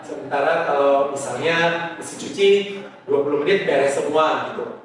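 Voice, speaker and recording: A man giving a casual sales training lesson, loose and conversational, often pausing on "eh" and tagging lines with "gitu". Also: fairly high pitch, a little hiss or hum. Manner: loose, conversational, with frequent "eh" hesitations and trailing "gitu". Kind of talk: casual instructional talk. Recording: very echoey room, voice distant from mic.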